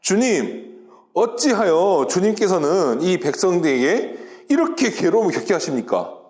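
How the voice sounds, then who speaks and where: A man's voice: high-pitched, a little mellow. A man voicing an upset prophet who pleads with and accuses God in a rising, complaining way. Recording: roomy echo.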